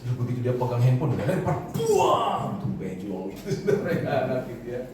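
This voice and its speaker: A middle-aged male pastor preaches in a relaxed, chatty way, often chuckling at his own asides. His mid-pitched voice rings through a large, very echoey church hall, picked up from some distance away. There is a steady hiss of room noise underneath. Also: very fast. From Indonesia. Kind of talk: sermon. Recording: echoey hall heard from far off.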